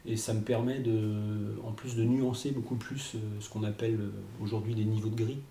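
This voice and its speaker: A man, a comic book artist, answering interview questions in a hesitant way, repeating words and pausing with fillers. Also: fairly low pitch, fairly even intonation, warm tone. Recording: roomy echo, faint noise.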